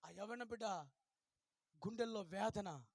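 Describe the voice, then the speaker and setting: A male pastor telling a story in a revival sermon, swinging from hushed to shouted and urging the crowd to clap and shout. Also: high-pitched, a little slow, gravelly, no room sound, clean studio sound.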